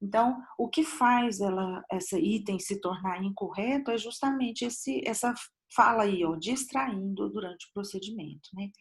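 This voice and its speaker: A woman's voice: medium pitch, normal speed. A woman teaching a dentistry class on a video call, talking through answers in a conversational way with many fillers and restarts. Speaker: dentistry lecturer. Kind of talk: online class lecture. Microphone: computer mic on a video call.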